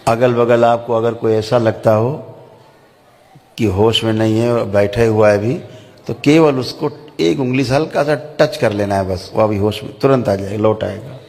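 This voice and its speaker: A man calmly guiding a group through a meditation session, giving slow spoken instructions. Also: on the low side. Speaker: meditation guide. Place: large hall with a gathering. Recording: echoey hall, faint ambience.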